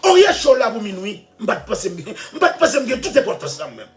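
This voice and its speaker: A man telling a story about playing music, laughing, shouting at times and dropping to mutters. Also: very high-pitched, very animated, a little fast. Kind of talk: animated storytelling rant. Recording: faint music behind.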